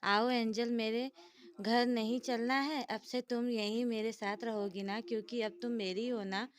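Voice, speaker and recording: A woman's voice: a little high, steady tone, unhurried, close to an everyday voice. Woman voicing a fussy, childlike young man. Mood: coaxing. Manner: fussy, pleading, repeats himself.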